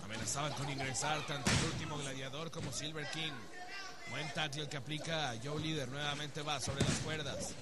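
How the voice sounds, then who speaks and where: A man with a Mexican accent calling wrestling play-by-play as a commentator, emphatic, rising to shouts and drawing out names. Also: a little high, fairly even intonation, normal speed. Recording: loud arena crowd behind commentary. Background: wrestling arena crowd.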